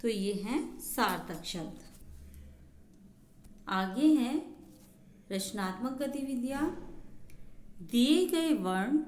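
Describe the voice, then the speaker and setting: A woman's voice: fairly high pitch, lively intonation, slow pace, long pauses, darkish tone. A woman school teacher giving a recorded lesson to young children, speaking patiently, spelling out words and repeating answers. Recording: echoey room, faint background noise.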